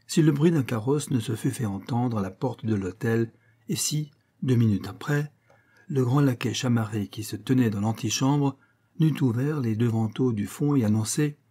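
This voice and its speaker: A man narrating a nineteenth-century short story as an audiobook, in a measured storytelling manner. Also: medium pitch, mellow, breathy edge. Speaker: audiobook reader.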